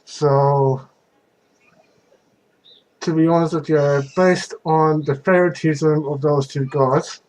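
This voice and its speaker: A young man answering questions in casual, unscripted talk, halting and hesitant, often pausing mid-sentence. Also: fairly high pitch, steady tone, darkish tone, poor audio. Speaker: vlogger answering viewer questions.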